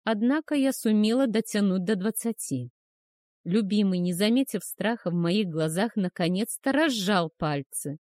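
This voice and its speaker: A woman narrating a first-person romance audiobook in a soft, measured, emotional way. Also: mid-range voice, lively intonation, dry recording, studio quality.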